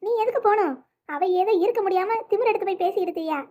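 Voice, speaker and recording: A woman's voice: very high voice, very fast, mellow. A woman voicing a bossy, scolding cartoon mother-in-law. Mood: doting. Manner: scolding, commanding. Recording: dull lo-fi audio.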